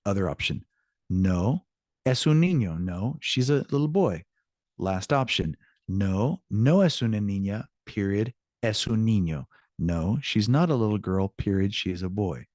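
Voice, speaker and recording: A Spanish teacher with a fairly low, expressive and slightly mellow voice speaks at a measured pace while teaching an online language lesson over a video call. Informal and encouraging, he explains examples and switches between two languages. The sound is clean studio quality with no room sound.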